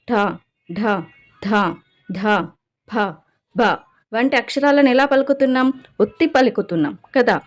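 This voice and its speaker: Woman teaching, slightly high. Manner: repetitive question-and-answer teaching, checking in with the listeners. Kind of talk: exam-prep grammar lesson.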